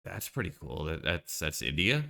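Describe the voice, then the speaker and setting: A very deep-voiced man from the United States chatting easily on a game stream, his tone bright and forceful despite the low pitch. He talks in a laid-back way, full of fillers. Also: very animated, moderate pace, creaky. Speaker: streamer co-host. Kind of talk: casual chat while gaming.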